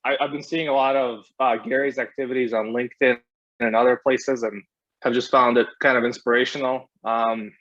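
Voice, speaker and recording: A man introducing himself on a video call, a little out of breath and halting, with many fillers. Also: medium pitch, fairly bright tone. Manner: hesitant, many fillers and restarts. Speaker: forum participant. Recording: dull lo-fi video call audio.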